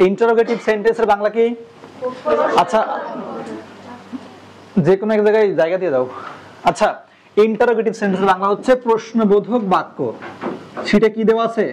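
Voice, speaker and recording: High-voiced man teaching a class. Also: steady tone, brisk, long pauses, background noise. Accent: Bangladeshi Bengali. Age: young adult. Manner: asks the class questions, repeats answers. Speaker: coaching center teacher. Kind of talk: classroom lecture.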